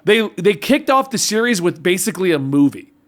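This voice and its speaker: A man co-hosts a relaxed fan discussion. His voice sits high and swings animatedly in pitch as he rambles through his explanations. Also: fairly quick. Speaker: show co-host. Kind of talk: casual pop-culture discussion.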